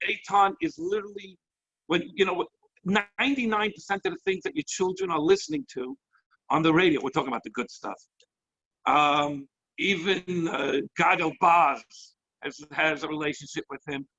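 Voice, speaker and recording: A man hosting as a rabbi over a video call, effusive and excitable, jumping between thoughts. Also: high voice, normal speed, creaky. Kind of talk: enthusiastic hosting. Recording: muffled lo-fi online call audio.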